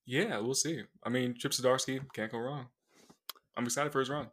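A man's voice: medium pitch, normal speed, slightly rough. A young man co-hosting a casual comics podcast, telling stories with lots of energy. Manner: animated storyteller, does mocking voices. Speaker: podcast co-host.

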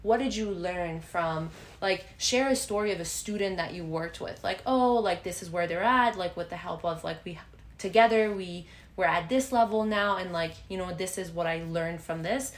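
In an echoey room, a young female podcast co-host keeps the conversation casual and full of fillers. Her pitch sits fairly low, and she speaks at a normal speed.

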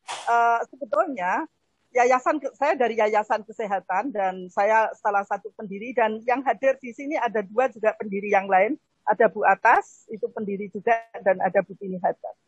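An older woman speaks in a slightly high, breathy voice that sounds dry and close. She tells of years of advocacy in an earnest way and often restarts her sentences. The sound is dull, lo-fi video-call audio. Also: moderate pace, no room sound. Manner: earnest, self-correcting restarts. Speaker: foundation founder, guest speaker. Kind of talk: online talk, recounting advocacy.

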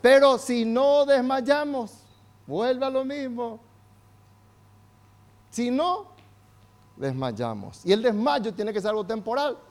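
A man with a very high voice preaches in with emphatic fervor. He calls on the congregation to repeat phrases back to him. He acts out the quoted lines of biblical figures. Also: slow, long pauses. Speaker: pastor. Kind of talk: sermon.

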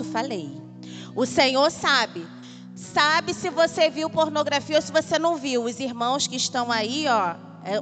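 Woman preaching, high voice, music playing behind, chatty and emphatic. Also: long reverb tail. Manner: conversational and intimate, asides to the audience; emphatic, repeats short phrases. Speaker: deaconess preacher. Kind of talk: sermon at a women's conference.

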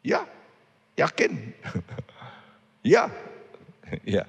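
A man's voice: on the high side, wildly swooping pitch, very slow, vocal fry, husky, long reverb tail. A man preaching a sermon, earnestly and often addressing the congregation directly. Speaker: pastor.

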